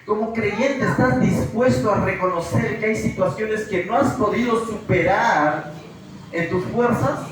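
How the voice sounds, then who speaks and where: A high-pitched male pastor from Peru preaches a verse-by-verse sermon in a church hall. He asks the listeners rhetorical questions and acts out pleading prayers. The voice sounds far from the mic, with a very echoey room and faint background noise. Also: a bit bright.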